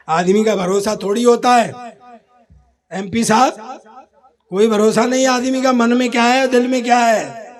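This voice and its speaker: Guy doing comedy poetry on stage, high voice, punchy jokes, asks crowd to clap. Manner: punchy joke-telling, coaxing applause. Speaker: stand-up comic poet. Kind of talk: live comic poetry performance. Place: outdoor festival stage.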